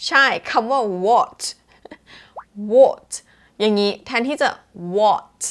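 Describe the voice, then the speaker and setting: A woman giving a casual pronunciation lesson, slowly demonstrating words over and over and mixing with English. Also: on the high side, a bit bright. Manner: demonstrates words slowly and repeatedly, switching between Thai and English. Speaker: English teacher.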